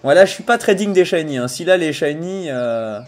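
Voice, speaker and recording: Speaking at a moderate pace in a slightly high voice, a young Sarthe-accented man streams a video game with faint music in the background. He talks to his viewers on a headset mic from a small room at home. The livestream chat mixes mock-outraged rants, plenty of laughter and bursts of loud excitement.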